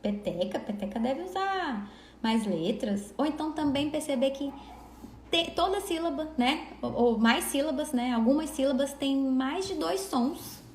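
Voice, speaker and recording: A woman with a fairly high voice teaches literacy in a live online lesson. She explains patiently and stretches words out syllable by syllable. The room around her sounds echoey. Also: lively intonation, unhurried, a little hiss or hum.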